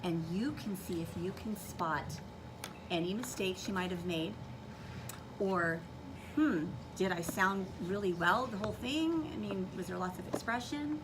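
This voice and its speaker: A woman teacher with a medium-pitched voice talks to her class a little slowly, walking them through an instructive demonstration while reasoning aloud. The recording is from a distant microphone in a noisy room, with children's voices audible.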